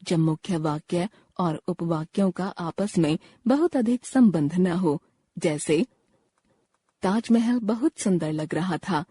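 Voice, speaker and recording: A woman reads a school textbook lesson in a measured, explanatory way. Her voice is low-pitched, mellow and a little husky. The recording is dry and close. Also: no echo. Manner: slow, measured, explanatory reading. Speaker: textbook narrator. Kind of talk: scripted textbook reading.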